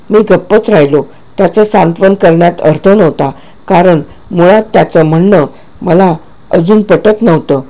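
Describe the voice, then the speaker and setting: Mellow-voiced man narrating a grave story. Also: sits high. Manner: measured, grave, with small self-corrections. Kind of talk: first-person story narration.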